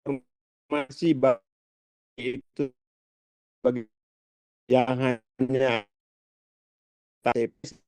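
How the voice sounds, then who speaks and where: Male online teacher, mid pitch, on a weak line that keeps breaking up, slow halting delivery. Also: fairly even intonation, darkish tone, no echo. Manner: slow, halting speech that cuts off mid-phrase. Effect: choppy, breaking-up call audio from a weak signal. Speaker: math teacher. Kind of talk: online video-call lesson.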